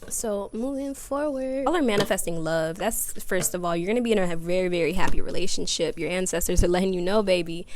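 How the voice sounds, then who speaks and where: A woman's voice: fairly low pitch, fairly quick, few pauses, darkish tone, a little hiss or hum. Chatty woman giving a tarot reading. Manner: chatty, addresses viewers as y'all and baby. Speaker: tarot reader. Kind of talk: casual tarot reading to camera. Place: outdoors by a grassy yard.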